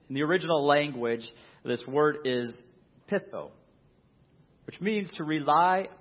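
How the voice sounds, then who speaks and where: A man preaching a sermon as a pastor, earnest, swinging from loud emphasis to hushed, quiet passages. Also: a little high, lo-fi sound.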